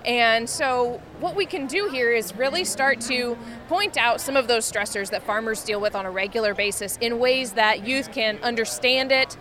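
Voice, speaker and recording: A woman's voice: on the high side, bright, forceful tone. A woman who does farm stress outreach, answering interview questions in an upbeat, earnest and optimistic way in a busy convention expo hall.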